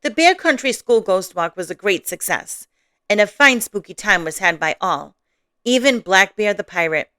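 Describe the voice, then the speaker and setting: A woman reads children's picture books aloud and chats with her listeners as the host. Her voice is bright and crisp and moves about lively in pitch. It is recorded close on the mic with a dry sound. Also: normal speed, no room sound. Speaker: storyteller host. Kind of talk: children's story read-aloud.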